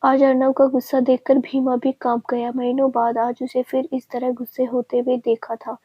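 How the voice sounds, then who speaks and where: Woman narrating a story, steady and even, husky voice, very flat pitch, dull dry recording. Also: normal speed, no room sound.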